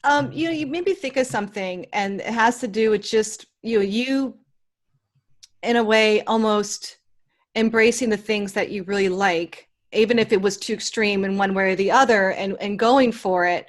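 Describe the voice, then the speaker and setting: A woman hosts an interview, her voice in an ordinary middle pitch. She asks her questions in a thoughtful, rambling way, circling her point with casual fillers. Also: moderate pace. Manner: thoughtful, loose phrasing with many "you know"s. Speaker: interview host.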